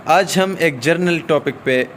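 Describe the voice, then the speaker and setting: Man, shorthand teacher, step-by-step explaining, faint background noise, slightly high voice. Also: fairly bright tone. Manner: explains step by step, often checks with "okay?" and stretches out "aa" fillers. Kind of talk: recorded lesson.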